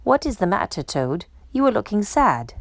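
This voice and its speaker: A woman's voice: medium pitch, big pitch swings, moderate pace, dry recording. A woman voicing a kind, candid male frog in a children's storybook, friendly and straightforward in manner. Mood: concerned.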